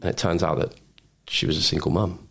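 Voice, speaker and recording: This podcast guest, an ex-Royal Marine, swaps casual personal anecdotes in a husky, low voice that's a bit bright, with vocal fry. He talks fast and keeps a steady tone. He's informal and blokey, saying "mate," "man" and "bro."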